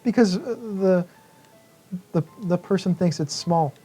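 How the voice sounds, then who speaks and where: A woman's voice: fairly low pitch, unhurried, warm tone, breathy edge, soft background music. A woman acting as game master, improvising her narration and banter as she goes, sometimes hesitantly.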